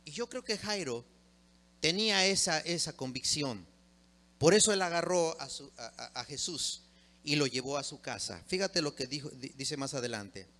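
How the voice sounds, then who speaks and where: Middle-aged male preacher, fairly high-pitched, impassioned sermon delivery. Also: lively intonation, normal speed. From Mexico. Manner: impassioned, swings from loud emphatic peaks to low quiet drops.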